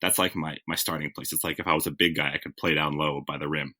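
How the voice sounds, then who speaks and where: A man with a rumbling low voice, steady in tone but fast, pushed and bright, is a TV writer being interviewed. He reflects as he tells stories, correcting himself frequently and peppering his speech with "like" and "you know."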